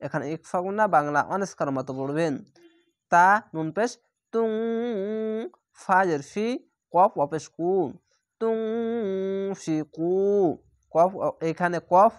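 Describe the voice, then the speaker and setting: A man's voice: on the high side, no room sound, studio quality. A man teaching Quran reading, spelling out syllables one by one and stretching recited words very long. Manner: slow, drawn-out spelling of syllables.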